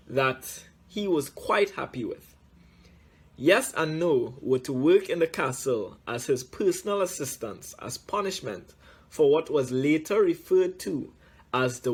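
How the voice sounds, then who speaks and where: A young man reads a children's storybook aloud with a slightly husky voice that sits a touch high. His delivery is slow and unhurried, and his pitch swings widely as he animates the tale. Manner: animated storyteller, shouts character exclamations. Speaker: guest story reader.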